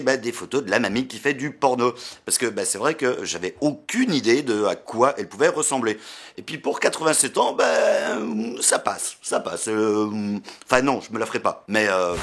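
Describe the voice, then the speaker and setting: Animated, husky-voiced man vlogging. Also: medium pitch. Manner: playful, cheeky and irreverent; animated, chatty delivery addressing the viewer. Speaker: YouTuber vlogger. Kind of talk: casual vlog storytelling.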